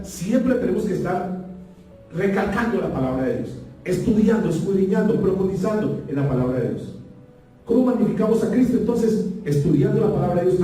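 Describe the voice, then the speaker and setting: A man's voice: sits high, mellow. A man preaching as pastor, emphatic, repeating key phrases and calling the congregation to repeat after him. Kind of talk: sermon. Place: church hall. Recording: very echoey room, heard from far off.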